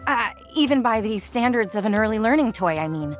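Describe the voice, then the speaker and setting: An actress voicing a hesitant, polite, thoughtful young assistant in a video game, deferential in manner. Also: female voice, a little high, animated, brisk, soft background music, natural voice. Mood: hesitant, doubtful. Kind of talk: video game character dialogue.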